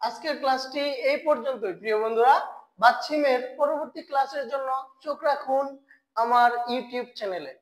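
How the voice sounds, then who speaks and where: A high-pitched woman gives an online Korean pronunciation lesson, with poor audio. She raises questions and answers them herself, slowly repeating the key sounds for her learners.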